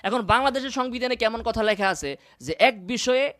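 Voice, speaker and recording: Sharp-voiced scornful male preacher. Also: extremely high pitch, animated, a little fast. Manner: mocking, scornful, rhetorical questions. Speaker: Islamic preacher. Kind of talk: combative video monologue. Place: indoors in his room.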